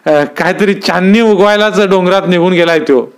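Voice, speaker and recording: A man voicing a terrified village servant who begs for mercy in a panicky, pleading whine, pitched high above his narrating voice. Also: a little fast, clean tone.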